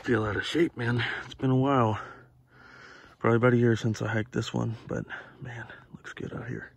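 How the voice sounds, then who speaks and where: A man's voice: mid-range voice, level tone, normal speed, vocal fry, slightly rough, no room sound. A man filming himself on an outdoor hiking trail, talking through the hike in an easygoing, rambling way full of filler words. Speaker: vlogger hiker. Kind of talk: casual hiking vlog commentary. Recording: noisy outdoor recording.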